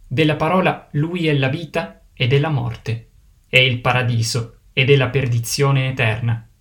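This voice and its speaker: A man delivers a sermon in a mid-range voice. His delivery is solemn and measured, each phrase set down with deliberate weight. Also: mid-range voice, steady tone, fairly bright tone. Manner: solemn, measured preaching cadence. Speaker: preacher.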